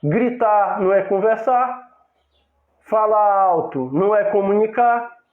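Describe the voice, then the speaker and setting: A man preaching a sermon in a steady, instructive way. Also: sits high, takes it slowly. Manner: preachy, acts out couple's quarrels in quoted voices. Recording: echoey room over a tinny phone-like line.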